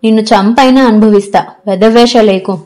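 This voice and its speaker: A woman's voice: medium pitch, moderate pace, warm tone, natural voice. Woman voicing a menacing fake holy man. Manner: threatening, crude. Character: lustful fake godman, older man, menacing.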